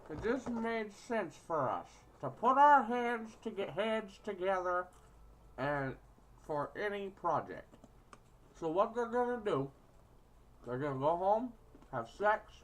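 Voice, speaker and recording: Low-ish and animated, this host's voice moves unhurriedly with frequent pauses. She narrates a visual novel playthrough casually, reading it aloud with theatrical giggles and off-the-cuff crude humor.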